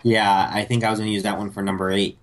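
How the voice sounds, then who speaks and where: A man's voice: lowish voice, little pitch movement, fast talker. A man co-hosting a casual podcast, recapping results like a newscaster and laughing often between remarks. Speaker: podcast co-host.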